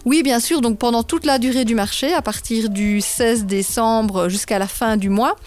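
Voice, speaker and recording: A woman's voice: on the high side, normal speed, a little mellow, faint music behind. A woman, a guest in a radio interview, methodically walking through an event schedule. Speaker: guest, local events organizer.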